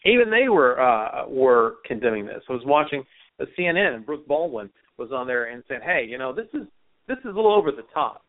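A man's voice: on the high side, no room sound. A man hosting a political talk radio show, giving opinionated commentary full of rhetorical questions. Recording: tinny phone-like audio.

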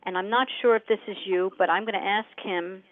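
A woman's voice: medium pitch, steady tone, fairly quick. Direct, chatty woman medium, phone-like sound. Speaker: psychic medium giving readings to callers. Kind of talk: casual live readings, conversational. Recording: narrow band, phone-like audio.

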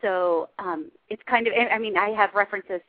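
A woman's voice: mid-range voice, normal speed, no room sound. A woman from Southern California in her forties, a guest life coach chatting on a radio interview. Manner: chatty, laughing, explaining. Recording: phone line.

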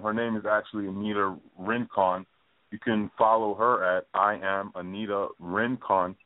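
A podcast host runs a casual interview show, rambling with lots of fillers and repetition. His voice is fairly low-pitched with no room sound, and it comes through a tinny phone line.

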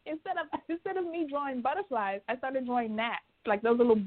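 A woman tells a personal story with animated energy, acting out what people said. Her voice is fairly high. The sound is thin and tinny, like a phone line. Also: a little fast. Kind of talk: casual chat.

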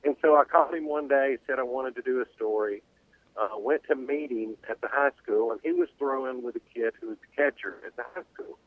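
A man's voice: mid-range voice, fairly quick, no room sound. A male caller telling a rambling story, with many restarts, over a buzzy, glitchy cell call that keeps cutting out. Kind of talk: casual phone-in storytelling. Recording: tinny dry phone line.

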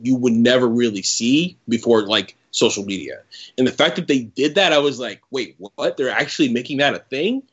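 A man's voice: mid-range voice, dull audio. A man talking as a guest on a casual podcast, enthusiastic and filling his speech with "like". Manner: enthusiastic, lots of "like" fillers. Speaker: podcast guest, entertainment reporter.

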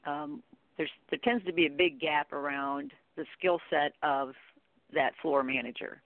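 A woman who is a guest expert on contact center training speaks informally and emphatically in a conversational interview. Her voice sits low and a little slow, and the dry recording has a narrow, tinny phone-like quality.

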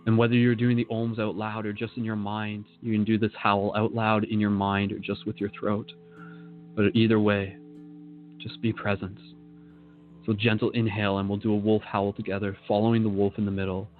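A man leads a guided meditation, his voice pitched low and his delivery slow and soothing as he talks straight to the listener. The sound is thin and phone-like. Soft music plays faintly behind him. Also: level tone. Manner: slow, soothing, second-person guidance.

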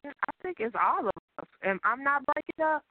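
A woman's voice: sits high, very animated, moderate pace. A woman on a casual internet radio show, hesitant and unsure, heard through a glitchy phone call that keeps breaking up. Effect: glitchy, breaking-up phone call audio with hiss.

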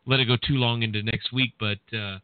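A man hosting a boxing podcast, talking in a rambling, animated way with lots of restarts and fillers, with a General American accent. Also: medium pitch, brisk, clear, resonant tone, no echo. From California. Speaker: podcast host. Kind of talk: casual boxing podcast chat. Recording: tinny phone-like line, dry.

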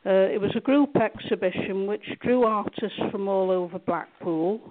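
A woman's voice: medium pitch, moderate pace. A woman from England answering interview questions about her art, hesitant, with many fillers and restarts. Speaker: guest artist. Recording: tinny phone line.

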